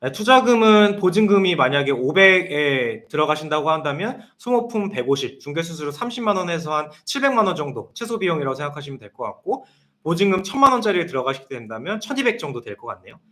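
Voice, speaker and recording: A man's voice: on the high side, very animated, quick pace, bright, forceful tone. A man in his thirties, a consultant answering viewer questions on a live stream in an explanatory way. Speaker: guest consultant.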